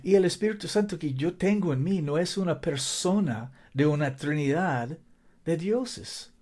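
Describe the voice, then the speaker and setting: Slow-paced man preaching. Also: on the high side, lively intonation, a little mellow. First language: not a native Spanish speaker. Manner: emphatic, repeats key phrases. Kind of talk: Bible-teaching sermon.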